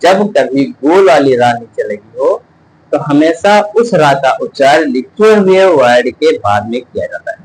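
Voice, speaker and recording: Man slowly drilling words, lively pitch. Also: slight background noise, poor audio. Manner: drawn-out repetition of words, syllable by syllable. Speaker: teacher. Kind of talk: slow Hindi phonics lesson.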